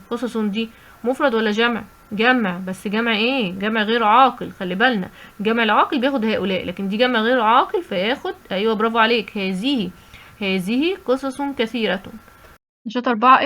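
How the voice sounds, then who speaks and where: Egyptian woman teaching small children, quick and a little high, patient question-and-answer delivery. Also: a bit bright. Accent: Egyptian Arabic. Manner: patient, asks questions and answers them herself. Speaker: primary school teacher. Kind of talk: recorded classroom lesson.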